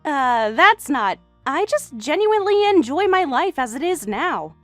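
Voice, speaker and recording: A woman in her late thirties voicing a composed older sister who reasons calmly and stands firm when pushed, in a voiced text-message story. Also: sits high, a little slow, no room sound, soft background music, full character voice. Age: late 30s. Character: composed older sister, single, near forty.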